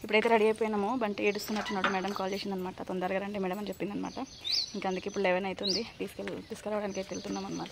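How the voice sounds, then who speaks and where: A young mother with a Telangana Telugu accent, softly narrating her son's school run to the camera for her vlog. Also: medium pitch, little pitch movement, racing, vocal fry, very noisy. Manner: soft running commentary to camera.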